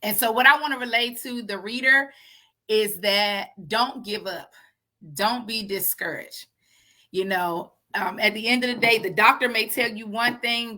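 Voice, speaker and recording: A woman's voice: a little high, sharp tone. A woman author speaking on a video call, talking earnestly and conversationally to her readers with faith-filled encouragement. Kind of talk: casual spoken address to an audience.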